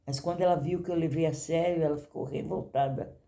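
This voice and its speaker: A woman's voice: low voice, fairly even intonation, brisk, warm tone. An older woman giving a personal testimony in church, talking conversationally to the congregation and often asking "you know?".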